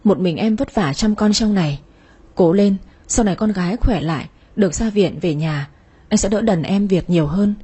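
A woman voicing a devoted, hardworking young husband who speaks gently and reassuringly in an audio story. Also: mid-range voice, moderate pace, breathy edge. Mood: soothing.

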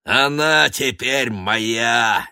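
Brief: male reader as a sneering bully cat; mocking, loud and slow. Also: a bass voice, lively intonation, no room sound, studio quality, full character voice. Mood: taunting. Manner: sneering, taunting.

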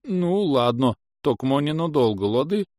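A man's voice: a little high, very animated, measured pace, a little mellow, no room sound, studio quality, voice pushed up. A man voicing a simple-minded male house spirit servant who drawls and pleads. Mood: pleading.

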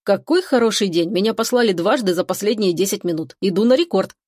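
A woman's voice: mid-range voice, expressive, fast talker, darkish tone, husky, no room sound, clean studio sound. A woman voicing a clever, teasing young man, the narrator's younger cousin, in an audiobook. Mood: breezy. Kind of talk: audiobook character voice.

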